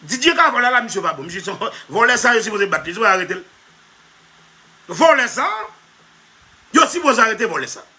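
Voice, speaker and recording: A man's voice: high-pitched, very animated, moderate pace, long pauses, bright, forceful tone. A man giving a comic monologue, emphatic and repetitive, often half-laughing as he talks. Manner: emphatic, repetitive, keeps addressing "monsieur". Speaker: comedy vlogger.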